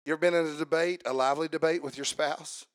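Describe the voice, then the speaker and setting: A man preaching a sermon to a congregation, asking them questions and rising into a chanted, shouted preaching cadence. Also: a little high, fairly even intonation, fast, no echo, clean studio sound.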